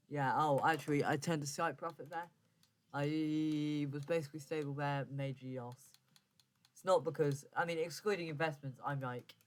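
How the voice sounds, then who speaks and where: A young man talks through a game he is playing, in a voice pitched a little high. His commentary is casual and rambling, full of ums, restarts and quick self-corrections as he thinks out loud. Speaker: gaming YouTuber.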